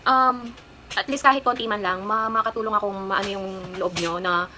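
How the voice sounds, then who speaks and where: A woman's voice: mid-range voice, steady tone, normal speed, sharp tone, a little hiss or hum, poor audio. A young woman in her twenties with a Kapampangan accent, chatting casually in a haul vlog as she tells a personal story, rambling along with lots of fillers. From Philippines. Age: 20s. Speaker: vlogger.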